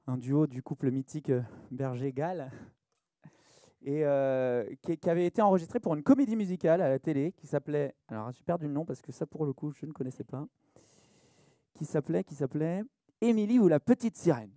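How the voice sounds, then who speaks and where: A man in a singing duo, chatting casually in quick bursts as he introduces songs at a live show in a library café. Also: a little high, warm tone, dry recording, clean studio sound. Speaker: singer in a duo. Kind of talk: live stage introductions and chanson duet singing.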